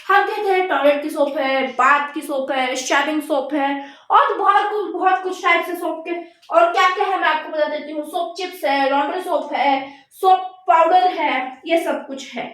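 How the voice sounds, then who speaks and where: A woman chemistry teacher lecturing a class, asking questions and repeating the answers slowly, mixing in English terms. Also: very high-pitched, a bit bright. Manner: mixes Hindi with English terms. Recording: echoey room, voice from far off.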